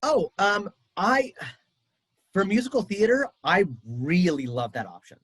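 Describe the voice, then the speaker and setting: A man's voice: high voice, sing-song, a little slow, a bit bright, husky, no echo, rough recording. A man coaching a family on college auditions over a video call, chatty and upbeat with lots of fillers. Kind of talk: casual advice on a video call.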